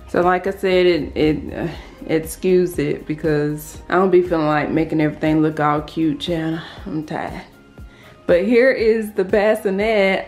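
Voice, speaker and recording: A woman's voice: lowish voice, a little mellow. A young pregnant woman chatting casually to her viewers in a home vlog, filmed on her phone as she shows things around the house. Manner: chatty, addresses viewers as y'all. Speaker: vlogger. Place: at home indoors. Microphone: handheld phone camera.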